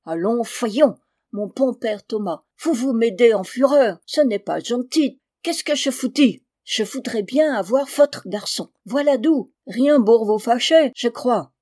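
A woman voicing an eager, scheming middle-aged German man who wheedles and chuckles high. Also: animated, a little slow, mellow, no echo, clean studio sound. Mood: wheedling.

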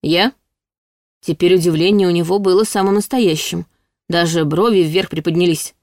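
A woman narrating a first-person audiobook with an expressive reading. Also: lowish voice, a little fast, no room sound, studio quality. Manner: expressive reading, voicing indignant quotes.

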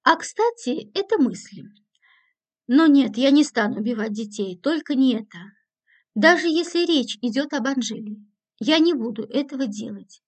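A woman's voice: high voice, lively intonation, moderate pace. A woman reading a first-person audiobook with a dry, ironic manner. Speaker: audiobook narrator.

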